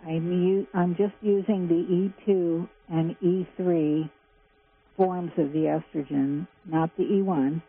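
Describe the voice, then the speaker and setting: A woman's voice: fairly low pitch, fairly even intonation, takes it slowly. A woman in her seventies calling into a radio show, chatty and detailed. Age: 70s. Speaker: caller. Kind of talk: phone-in question. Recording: tinny phone line with faint hum.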